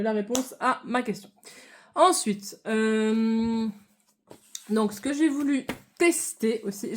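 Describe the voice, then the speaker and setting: A woman's voice: mid-range voice, darkish tone. A woman vlogging about her crafts, chatting casually to viewers with many hesitations and restarts. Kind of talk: casual hobby chat to viewers.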